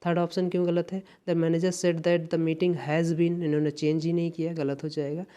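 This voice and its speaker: A man's voice: on the high side, little pitch movement, normal speed, warm tone, smooth. A man with an Indian accent teaching an exam-prep English lesson, explaining patiently and repeating key phrases. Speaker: English teacher for competitive exams.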